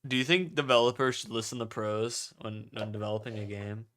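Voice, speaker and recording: A man's voice: lowish voice, a little fast, a bit bright. A young man streaming live, talking casually and ranting with lots of swearing and "like" fillers.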